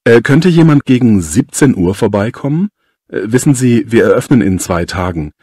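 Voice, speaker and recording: A man's voice: mid-range voice, lively intonation, moderate pace, a little mellow, husky, no echo, studio quality. A man playing a polite gym manager as a customer, explaining things courteously in a scripted phone dialogue. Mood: polite, concerned. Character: polite male gym manager phoning about a fault.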